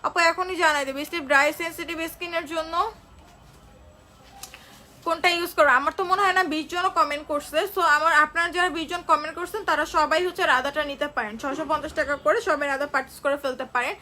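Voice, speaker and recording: A woman from Bangladesh, unwell, selling products on a phone live stream. She talks slowly and chattily, repeating prices and answering viewers. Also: high-pitched, fairly even intonation, sharp tone, a little hiss or hum. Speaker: online shop seller. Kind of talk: live-stream sales pitch.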